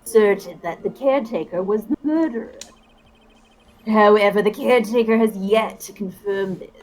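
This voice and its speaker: A woman voicing a stern male prosecutor with formal, measured delivery in a video game. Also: medium pitch, slight background noise, lightly acted, poor audio. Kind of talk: game dialogue voice-over.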